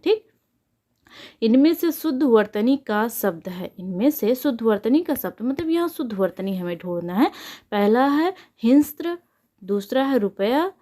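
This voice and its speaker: A woman's voice: fairly high pitch, a little mellow. Woman, exam-prep tutor, explains step by step, repeats key answers, poses rhetorical questions. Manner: repeats answers, asks and answers her own questions. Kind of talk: explanatory online lesson.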